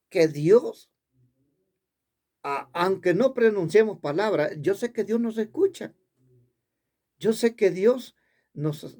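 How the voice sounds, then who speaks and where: A man's voice: on the high side, warm tone. A man preaching a sermon, telling a personal story in an earnest way and repeating his phrases. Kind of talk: sermon testimony.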